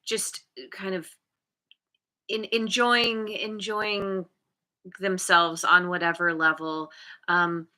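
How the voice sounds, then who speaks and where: A woman gives a casual tarot reading in a lowish, sharp-toned voice that barely changes pitch. She speaks slowly with frequent pauses, hesitating through fillers and restarts, and now and then laughs at herself.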